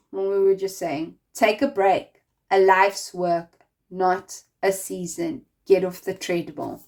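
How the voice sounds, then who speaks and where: A woman giving a casual spiritual tarot reading, chatty and rambling, full of fillers, speaking encouragingly straight to the listener. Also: medium pitch. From not American. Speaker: tarot reader.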